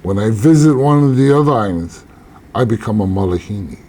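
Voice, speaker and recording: An older man from Hawaii, an elder teaching about tradition in a slow, measured way with deliberate pauses. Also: on the low side, expressive, dark tone.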